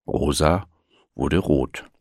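A man reading a children's story aloud in an expressive storytelling manner. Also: extremely low pitch, very slow, vocal fry, breathy edge, dry recording, clean studio sound. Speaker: narrator.

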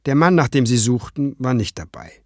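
Brief: male narrator, animated storytelling, dry close sound. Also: mid-range voice, fairly quick, no echo. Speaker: audiobook narrator. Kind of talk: scripted narration.

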